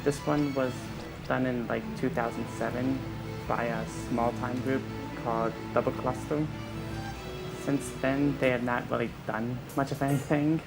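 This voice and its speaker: A man commentates on his own speedrun in a relaxed, explanatory way with easy fillers. Loud music plays behind his voice. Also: medium pitch, a little slow, gravelly, poor audio. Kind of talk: casual game commentary.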